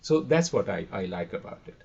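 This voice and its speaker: This podcast guest, a trainer in audio and radio, has a fairly low, gravelly and husky voice with a darkish tone, big pitch swings and a slightly fast pace. He chats eagerly, often repeating himself and sharing stories, over dull, lo-fi call audio.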